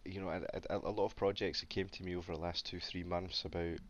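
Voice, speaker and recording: A man's voice: deep voice, little pitch movement, quick pace, a bit bright, highs cut off. A man hosting a casual crypto Q&A, rambling with many stammered restarts and a slight cough. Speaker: crypto AMA host. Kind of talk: casual live Q&A chat.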